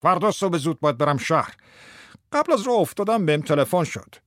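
A man's voice: fairly high pitch, sing-song, no room sound, studio quality. An actor playing a chatty, self-satisfied middle-aged husband and businessman in a radio drama. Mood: cheerful.

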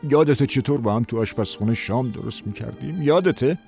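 A man voicing an aging, remorseful lover who speaks in a low, hushed, earnest way. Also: gravelly, soft background music, close to an everyday voice. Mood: remorseful, tender.

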